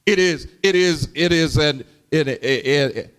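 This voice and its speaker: A man preaching a sermon in a rhythmic, call-and-response style, dropping to low murmurs and rising to sung shouts. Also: slow, clear, resonant tone. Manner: repeats and calls to the congregation.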